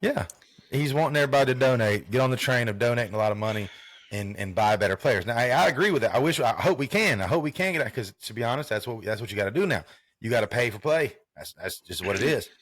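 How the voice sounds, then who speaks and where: A man's voice: mid-range voice, lively intonation, fast, fairly bright tone, no room sound, clean studio sound. A man co-hosting a podcast in casual sports chat, rambling and repeating himself as he talks. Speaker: podcast co-host.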